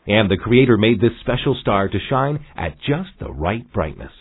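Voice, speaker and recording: A man with a husky voice reading scripted documentary narration. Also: fairly low pitch, very animated, moderate pace. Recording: narrow phone-like sound.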